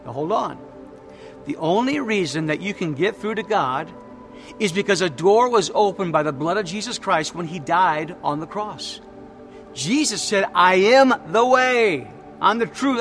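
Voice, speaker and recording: High-voiced, bright emphatic male preacher. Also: creaky. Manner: emphatic preaching, repeats key phrases, tells stories. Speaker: pastor. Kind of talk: sermon.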